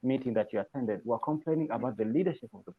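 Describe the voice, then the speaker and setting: A man, speaking as a panel guest over a remote video call whose stream is breaking up, making measured, drawn-out points. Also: medium pitch, breathy edge, dry recording. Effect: breaking-up online stream. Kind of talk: panel discussion. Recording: dull, breaking-up internet call audio.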